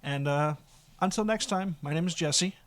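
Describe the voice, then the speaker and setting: A man's voice: on the high side, normal speed. A man co-hosting a podcast in casual chat, rambling with lots of fillers and laughs. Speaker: podcast co-host.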